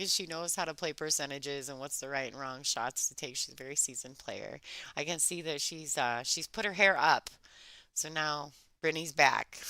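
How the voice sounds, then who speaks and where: A woman commentating live on a pool match in a restrained, soft-spoken golf-commentator voice, chatting conversationally as she follows the play. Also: low voice, clear, resonant tone, no room sound, rough recording. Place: alone in a chilly room.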